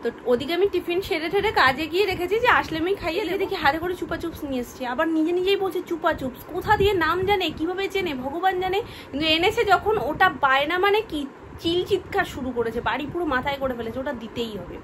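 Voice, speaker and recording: Home vlogger, Bengali woman, high voice, noisy room behind. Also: animated, fairly quick. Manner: switches to high coaxing talk with a toddler. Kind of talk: casual family vlog talk.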